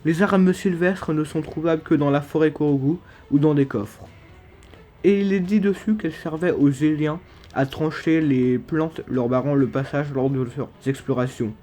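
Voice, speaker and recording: A man's voice: on the high side, mellow. A man with a lisp, slushy s sounds and slurred articulation, narrating humorous video game theories in a mock-serious, emphatic manner. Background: background music.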